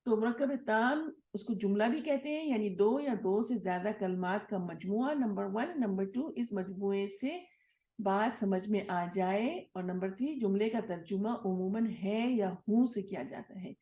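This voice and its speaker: A woman's voice: medium pitch, dark tone, echoey room. A woman teaching an Arabic grammar lesson in Urdu, explaining step by step and asking and answering her own questions, with English words mixed in. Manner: recites opening prayers. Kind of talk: classroom lesson.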